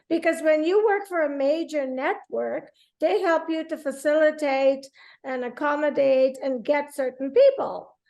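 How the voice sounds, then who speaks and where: A woman's voice: high-pitched, gravelly, darkish tone. A woman hosting an interview, speaking earnestly in long flowing runs. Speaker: podcast host.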